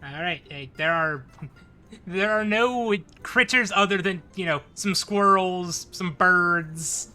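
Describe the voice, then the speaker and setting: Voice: mid-range voice, slow pace, pushed and bright. A game master casually narrating and guiding a tabletop role-playing game.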